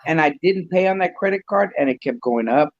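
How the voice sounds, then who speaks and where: A man's voice: fairly high pitch, expressive, fairly quick, no echo, lo-fi sound. A man casually telling a long story on a talk show, mixing in a few Spanish words and acting out what other people said. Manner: rambling, acts out the people in his stories, drops Spanish words. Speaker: guest, custom truck builder.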